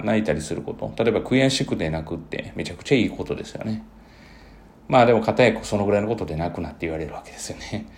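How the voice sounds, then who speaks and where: Low gravelly man musing loosely. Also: a little mellow, a little hiss or hum. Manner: rambling, many fillers and self-corrections. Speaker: cram school teacher, podcast host. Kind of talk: relaxed solo podcast monologue.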